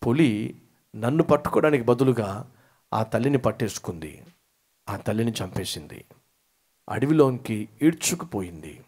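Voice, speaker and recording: A man's voice: normal speed, pauses often, husky. A man preaching a sermon, telling a story and acting out its dialogue with rising emphasis. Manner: animated, acts out dialogue with rising emphatic pitch. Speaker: pastor.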